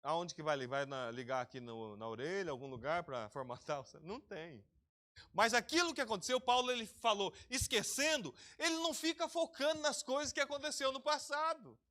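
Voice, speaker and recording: Man, pastor, sermon, high voice, very animated pitch, calls out to listeners. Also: normal speed. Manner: lively, talks straight to the congregation, calls people by name. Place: church, online service.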